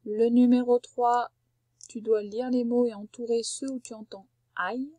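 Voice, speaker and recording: A woman teacher leading a recorded spelling dictation for a young child, saying each syllable slowly and carefully and giving gentle step-by-step instructions. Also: a little high, fairly even intonation, dry recording. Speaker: primary school teacher.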